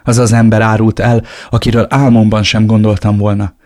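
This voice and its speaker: A man's voice: lowish voice, level tone, a little mellow, dry recording, clean studio sound, lightly acted. A man voicing a frightened, betrayed young woman in an audiobook, pleading and distraught. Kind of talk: audiobook reading.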